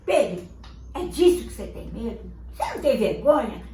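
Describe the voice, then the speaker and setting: A woman's voice: extremely high pitch, big pitch swings, normal speed, slight background noise, pitched above the performer's own voice. A woman doing a stern scolding father. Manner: firm, scolding. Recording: echoey room, distant mic.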